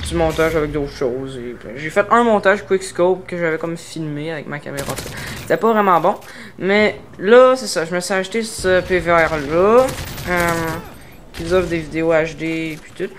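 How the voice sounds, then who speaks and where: A gaming YouTuber from Quebec, Canada, introduces his channel over gameplay in a casual, hesitant way, with many filler sounds as he tries to articulate carefully. He has a Québécois French accent and a high, fairly bright voice, with a little hiss or hum in the recording.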